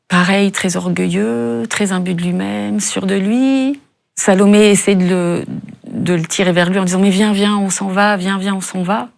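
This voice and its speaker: Halting, gravelly-voiced middle-aged Frenchwoman. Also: medium pitch, a little mellow. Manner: halting, repeats words when upset. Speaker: guest, bereaved mother. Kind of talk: emotional testimony interview.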